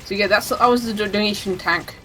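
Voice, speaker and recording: Speedrunner, female, mid-pitched, chatty and jokey live commentary over faint game music. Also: fast talker, low-quality recording. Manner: chatty, joking asides.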